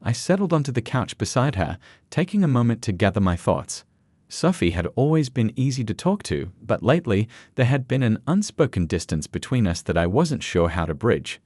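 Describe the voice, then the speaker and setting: A man reading a scripted first-person story aloud with earnest, expressive delivery. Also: medium pitch, normal speed, dry recording, clean studio sound. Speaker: narrator.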